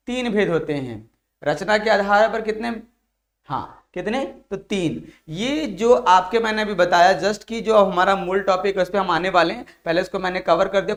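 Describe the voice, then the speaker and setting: A man teaching Hindi grammar for an exam, drilling students by asking each question again and again and then answering it himself. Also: high voice. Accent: Bihari Hindi. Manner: addresses viewers as dear children. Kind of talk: exam-prep lesson.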